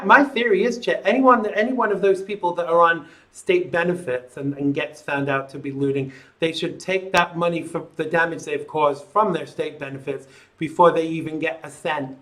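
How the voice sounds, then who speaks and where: A man with a fairly high, forceful voice hosts a live call-in show. He speaks conversationally and gives his opinions with a sardonic edge. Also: fairly quick, few pauses.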